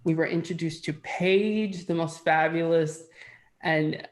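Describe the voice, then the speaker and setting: Low-voiced animated woman podcast host. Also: slow pace. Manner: animated, gushing, slips into voices. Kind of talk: casual chat.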